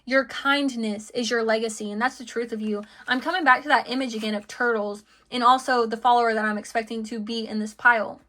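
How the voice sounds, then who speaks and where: A woman's voice: a little high, fairly even intonation, fairly quick, few pauses, fairly bright tone. A woman giving an intuitive tarot reading to her viewers, chatty and full of "okay" and "like" fillers. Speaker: tarot card reader.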